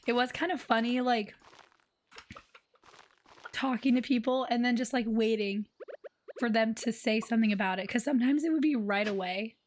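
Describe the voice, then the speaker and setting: A hoarse young woman livestreaming, telling a story in a chatty, laid-back way with lots of "like". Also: on the high side, moderate pace, pauses often, slight background noise. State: hoarse, losing her voice. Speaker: streamer. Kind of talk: casual livestream chat. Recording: faint music in the background.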